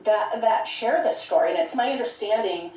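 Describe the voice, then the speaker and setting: A woman telling a personal story of abuse in an earnest, measured way, as a guest in a conversation. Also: fairly high pitch, a little mellow, far from the mic. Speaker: podcast guest. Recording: echoey room, off-mic.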